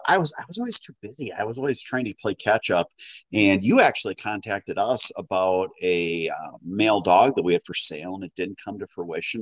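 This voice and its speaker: Brief: male podcast host, very low voice, folksy and joking, casual chat. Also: no room sound, poor audio. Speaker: podcast host and dog breeder.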